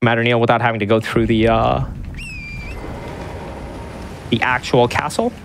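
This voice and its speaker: A man speedrunning live jokes casually and exaggerates his own mistakes for comic effect over game music and sound effects. His mid-range voice stays level with vocal fry at a moderate pace. There is slight background noise.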